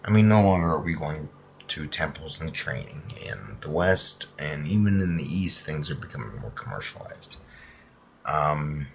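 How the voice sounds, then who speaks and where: A man's voice: extremely low pitch, expressive, normal speed, vocal fry, slight background noise. A man in his thirties from the United States, talking casually to his channel's viewers, his voice a bit off from a cold, with many ums and uhs. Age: 30s. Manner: rambling, frequent ums and uhs. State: recovering from a cold, voice not clear. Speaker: martial arts channel host. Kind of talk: casual talk to camera.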